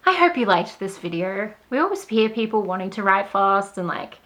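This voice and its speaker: A woman's voice: medium pitch, sing-song, normal speed, fairly bright tone. A woman author talking straight to the camera in a casual vlog, wry and self-deprecating, with a sarcastic edge. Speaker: author vlogger.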